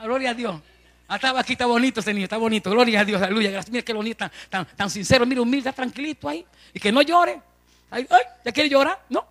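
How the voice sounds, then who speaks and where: A man preaching with fervor, his voice very high and bright. He talks fast and keeps addressing his congregation as brother. Hallelujahs and amens punctuate his talk. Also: gravelly. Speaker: pastor. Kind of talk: lively Spanish-language sermon.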